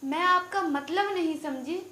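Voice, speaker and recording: An actress playing an anxious, devoted old wife who is ill with fever, speaking in a tender, worried way in an audio drama. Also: female voice, very high-pitched, a little slow, full character voice. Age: older. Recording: very echoey, distant voice under loud music.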